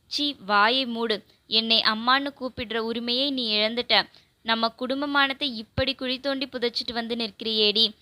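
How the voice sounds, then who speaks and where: A furious, lamenting mother, as a woman reader puts her on in an audio novel. The voice is bright and a little high. It sounds close and dry. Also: fairly even intonation, moderate pace, no room sound. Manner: scolding, lamenting. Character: grieving, furious middle-aged mother.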